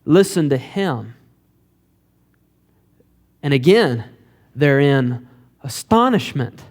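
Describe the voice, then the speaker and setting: A male pastor preaching a sermon, retelling scripture stories and asking the congregation rhetorical questions, voicing quoted lines in a lower, quieter tone. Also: big pitch swings, slow pace. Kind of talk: expository sermon.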